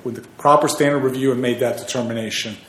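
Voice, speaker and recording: A man's voice: mid-range voice, steady tone, fast talker, a bit bright, a little hiss or hum. A man arguing a case as an attorney before an appeals court, earnest and emphatic. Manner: earnest, emphatic legal argument. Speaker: appellate attorney. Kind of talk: oral argument before a court. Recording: echoey courtroom.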